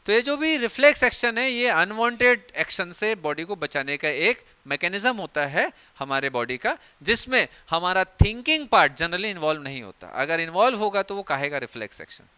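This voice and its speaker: A man's voice: high-pitched, bright, forceful tone, clean tone, dry recording. A young man teaching biology in a chatty, joking classroom lecture, acting out everyday scenes.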